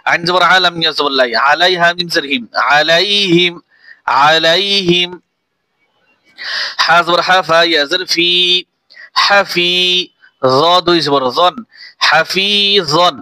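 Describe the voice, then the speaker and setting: A man teaches Quran reading at a slow, deliberate pace, spelling each syllable out letter by letter. His voice sits high and sounds bright and smooth. The recording is dry and close. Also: no room sound. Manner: slow letter-by-letter spelling, then melodic chanted recitation. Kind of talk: spelling out Quran recitation lesson.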